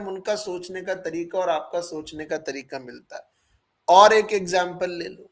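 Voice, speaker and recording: High-voiced male Hindi tutor. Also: low-quality recording. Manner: explains with everyday examples, asks students questions. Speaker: teacher. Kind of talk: live online exam-prep class.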